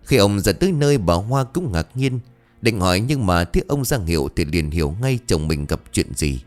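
Low-voiced man telling a ghost story. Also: animated, moderate pace, a little mellow, soft background music. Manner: dramatic, suspenseful.

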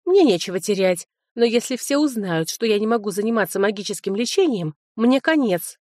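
A woman's voice: mid-range voice, animated, a little fast, a little mellow, dry recording, studio quality, close to an everyday voice. A woman voicing a sly young man. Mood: pleading threat. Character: young man, sly, self-serving former fiancé.

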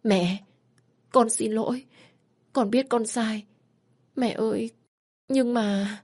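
A woman voicing a frightened seventeen-year-old girl who pleads in halting, apologetic bits. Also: mid-range voice, a little mellow, voice pushed up, close to an everyday voice. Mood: tearful.

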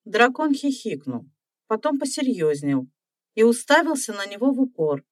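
A woman's voice: a little high, sing-song, normal speed, no room sound, studio quality. A woman narrator reading a scripted fairy tale.

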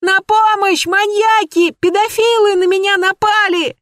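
A reader voicing a frightened but defiant eight-year-old boy who wails and protests in a high, shrill voice. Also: fairly even intonation, unhurried, a bit bright, dry recording, studio quality. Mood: panicked yelling. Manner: shrill wailing. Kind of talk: audiobook character voice.

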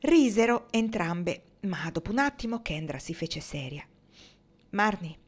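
Calm woman reading a novel aloud. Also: on the low side, moderate pace. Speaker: audiobook reader. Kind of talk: literary audiobook narration.

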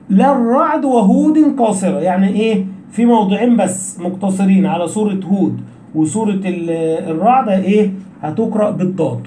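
A man's voice: sits high, warm tone, a little hiss or hum. A man with an Egyptian accent teaching Quran recitation rules, asking his listeners questions and answering them himself. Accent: Egyptian Arabic. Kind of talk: explanatory lesson. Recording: echoey room.

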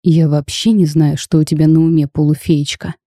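A cursed dragon duke from a storybook, cold, curt and even-voiced, as a woman reads him. The tone is dark, mellow and fairly low. It is recorded dry and close. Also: moderate pace, dry recording. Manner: flat, terse, reserved.

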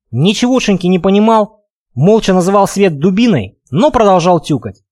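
A man narrating an audiobook in an expressive storytelling manner. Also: high voice, no echo, clean studio sound. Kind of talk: scripted narration.

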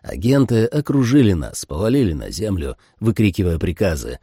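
A man's voice: sits low, sing-song, normal speed, mellow, breathy edge, no echo, clean studio sound. A man narrating a first-person action audiobook dramatically. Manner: dramatic, voices every character.

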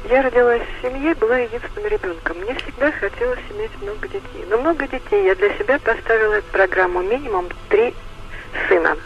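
A woman in her late forties calling in to a radio show, telling her story in a steady, matter-of-fact way. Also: a little high, brisk. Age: 40s. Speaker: caller. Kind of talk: phone-in call to radio. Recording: muffled phone line with faint noise.

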